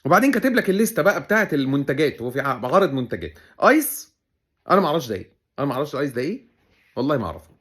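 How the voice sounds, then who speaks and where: Fast, animated Egyptian man. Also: fairly high pitch, slightly rough. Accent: Egyptian Arabic. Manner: animated, mock-serious, teasing. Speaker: comedy show host. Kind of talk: sarcastic comic commentary.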